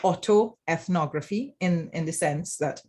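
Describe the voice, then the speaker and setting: An academic writing lecturer with a Trinidadian accent addresses an informal roundtable, her voice on the low side with a darkish tone and an unhurried delivery. She explains reflectively, often pausing to check in with "right?". She is a panel speaker from Trinidad and Tobago.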